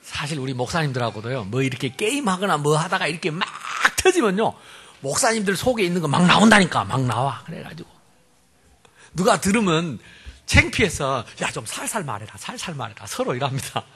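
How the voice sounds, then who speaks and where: Male pastor, sermon. High voice that jumps all over, swinging loud to soft, joking with the room. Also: brisk, breathy edge. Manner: animated, humorous preaching, swinging from loud to soft.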